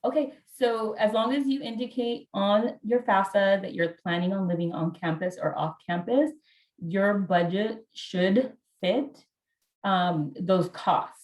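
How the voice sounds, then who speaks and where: A woman's voice: medium pitch, unhurried, a little mellow. Woman, financial aid officer, helpful and patient, room echo on a video call. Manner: helpful, repeats key steps. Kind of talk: casual video-call Q&A answers.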